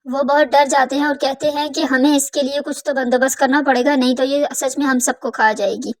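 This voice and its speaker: A woman narrating a scripted cartoon horror story in a plain, steady telling. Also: high-pitched.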